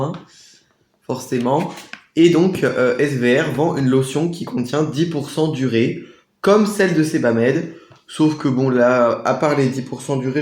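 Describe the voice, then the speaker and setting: A man reviews products from a shopping haul in a loose, chatty way. He hesitates often and slows down to spell out foreign label text. His voice sits at a middle pitch and bounces around an echoey room. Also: darkish tone. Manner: chatty, hesitant with many "euh", sounds out German labels slowly.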